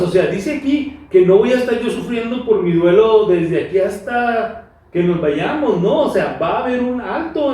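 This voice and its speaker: A man, co-hosting a Bible reflection talk show, who reads scripture and acts out the quoted lines with lively energy. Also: high voice. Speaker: co-host reading scripture. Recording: very echoey room, far from the mic.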